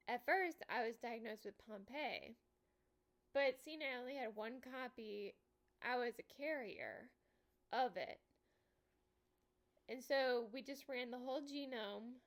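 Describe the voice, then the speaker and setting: A middle-aged woman talking casually and candidly, with slurred, halting speech that sounds a little stoned and a wry streak. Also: on the high side. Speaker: vlogger sharing a personal health update. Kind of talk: casual personal talk to camera.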